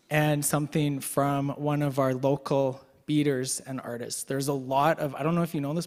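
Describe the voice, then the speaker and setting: A man's voice: mid-range voice, a little mellow. A young man from the Yukon, an event MC with a slightly worn voice, telling self-deprecating jokes in casual banter to the crowd. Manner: joking, self-deprecating storyteller. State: voice getting worn. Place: large event hall. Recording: long hall reverb.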